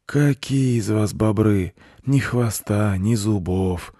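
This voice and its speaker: Guy putting on a grey old beaver, slow and preachy, dead dry sound. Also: on the low side, mellow, no room sound. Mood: pompous. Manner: slow, solemn and self-important. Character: very old grey male beaver, pompous zealot.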